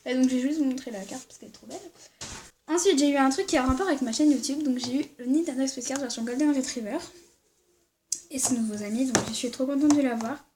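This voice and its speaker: A woman vlogger chatting casually to camera, excitable and gushing, with lots of fillers. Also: high-pitched, fast talker. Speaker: vlogger showing Christmas presents. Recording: noisy background hiss.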